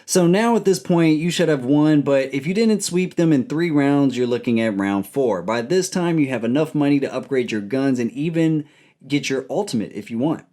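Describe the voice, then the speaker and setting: A man's voice: mid-range voice, lively intonation, moderate pace, dark tone. A man co-hosting a scripted video game guide, with a bouncy, jokey way of talking. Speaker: co-host of a gaming channel.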